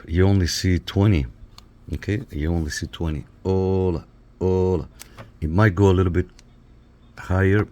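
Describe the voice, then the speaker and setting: In a voice that sits low and sounds a little mellow, a man reviews a piece of equipment for radio. It's a relaxed, instructional demo that walks viewers through each step.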